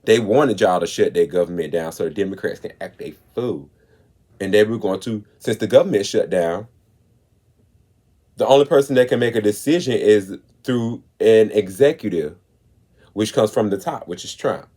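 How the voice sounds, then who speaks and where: A man hosting a commentary show, talking with emphasis and slowing down to stress his points. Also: lowish voice, dark tone. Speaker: host. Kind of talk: commentary on clips.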